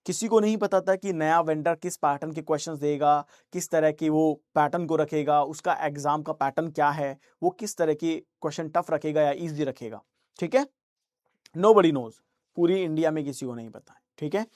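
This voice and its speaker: A man's voice: on the high side, moderate pace, a little mellow, no echo, studio quality. A man teaching an online reasoning class, answering students' chat questions in a reassuring, coaxing way and slipping English phrases into his talk.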